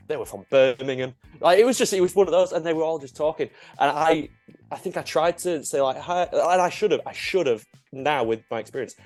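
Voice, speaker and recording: A young man, a comedian telling a funny story in casual chat, animated, laughing often and swearing freely. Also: on the high side, no room sound. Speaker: comedian guest.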